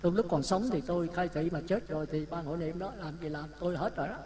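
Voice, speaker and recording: A man with a Southern Vietnamese accent, a Buddhist monk telling a lively story in a sermon and acting out the dialogue. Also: fairly high pitch, fast, crowd noise. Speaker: Buddhist monk giving a dharma talk. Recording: talk with audience sounds behind. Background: listeners laughing.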